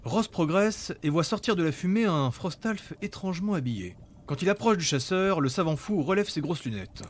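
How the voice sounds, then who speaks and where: A man's voice: high voice, animated, moderate pace, a little hiss or hum. Man narrating a fantasy story.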